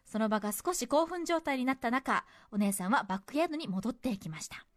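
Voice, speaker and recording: A woman co-hosting a radio show, reading a letter aloud and then chatting, expressive and quick to laugh. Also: on the high side, no room sound, studio quality. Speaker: radio co-host reading listener mail.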